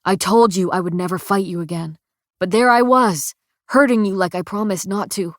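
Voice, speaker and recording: Woman voicing a remorseful young soldier, softly. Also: mid-range voice, moderate pace, no room sound, studio quality, natural voice.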